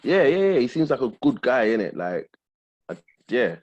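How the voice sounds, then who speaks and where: A man's voice: medium pitch, animated, normal speed, highs cut off. A man chatting casually and in slang as a podcast host about music. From Essex, England. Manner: slangy, informal.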